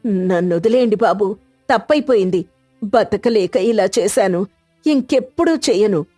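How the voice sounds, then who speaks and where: A woman's voice: mid-range voice, expressive, unhurried, dark tone, no echo, soft background music. A woman voicing a scheming, greedy old village woman who fakes cures and mutters to herself. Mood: panicked pleading.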